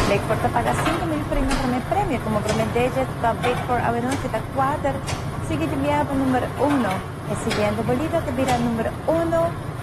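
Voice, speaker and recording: Higher-voiced woman, very noisy recording. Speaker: lottery draw host. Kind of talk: TV lottery draw announcing. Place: television studio. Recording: very noisy broadcast audio.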